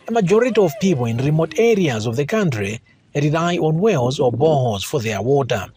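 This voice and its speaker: A man's voice: fairly high pitch, darkish tone. A man reporting a news story as scripted narration.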